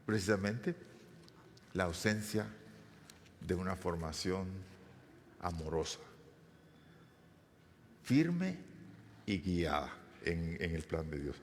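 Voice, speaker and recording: A man's voice: deep voice, animated, slow pace, pauses often, slight background noise. A man preaching a sermon as pastor, retelling a scripture story and asking his congregation questions. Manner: retells scripture, briefly voicing the figures; addresses the congregation as brothers, asks questions. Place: church hall. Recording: long echoing church hall reverb.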